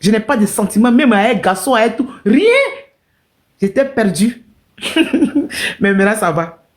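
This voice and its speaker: A woman's voice: medium pitch, moderate pace. Emotional woman telling her story to viewers. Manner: repetitive, emotional, addresses viewers directly. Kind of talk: casual live-stream storytelling.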